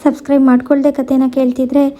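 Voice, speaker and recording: A woman storyteller reading a scripted story in a steady, even way, in a dull lo-fi recording. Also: sits high, fast talker.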